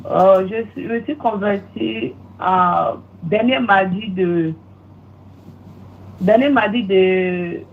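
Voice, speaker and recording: A woman calling in to a live stream, speaking haltingly with many pauses. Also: mid-range voice, narrow, tinny audio. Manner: hesitant, halting. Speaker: caller, new convert. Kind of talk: phone call.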